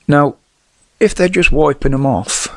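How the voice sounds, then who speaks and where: A man's voice: fairly high pitch, animated, unhurried, a bit bright, no room sound. A middle-aged British man with a whistle on his s sounds from false teeth, giving blunt, sweary, casual opinions on the news. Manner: blunt, sweary, rhetorical questions.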